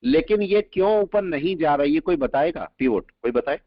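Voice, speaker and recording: A man teaching a live trading class, explaining points and quizzing his students with quick questions. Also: fairly high pitch, expressive, no echo. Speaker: trading instructor. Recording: dull lo-fi audio, dry.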